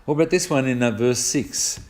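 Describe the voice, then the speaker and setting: An older Australian man gives a Bible teaching in an easygoing, conversational style. He walks through each point step by step and drops in homely stories along the way, with a voice of ordinary middle pitch. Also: a little fast. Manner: conversational, explains step by step with personal anecdotes. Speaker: preacher. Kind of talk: sermon teaching on scripture.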